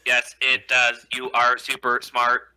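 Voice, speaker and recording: Guy doing a beepy robot voice, robot mechanic, squeaky beeps then slow stiff talk, super bright tone. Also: clean tone, rough recording. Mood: beeping. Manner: high beeping, slow stilted replies. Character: beeping robot ship mechanic, male, eager. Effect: robot voice, beeps and slow flat speech. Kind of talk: tabletop game role-play.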